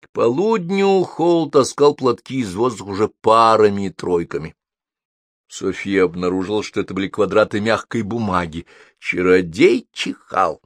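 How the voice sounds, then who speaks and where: A man narrating a storybook with an expressive, dramatic reading. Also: deep voice, normal speed, no echo. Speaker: audiobook narrator.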